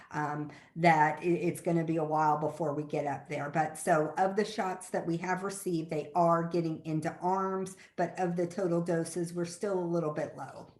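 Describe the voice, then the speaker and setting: A woman walks colleagues through data in an informal webinar style. Her voice sits a little low, and the room adds a clear echo around it. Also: darkish tone. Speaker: epidemiology staff presenter and moderator. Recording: echoey room sound.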